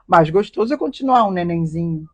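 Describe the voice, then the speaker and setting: A woman's voice: lowish voice, animated, fairly quick. A woman hosting a live stream, telling a personal story in an earnest, emotional way and often asking rhetorical questions. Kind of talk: confessional personal talk.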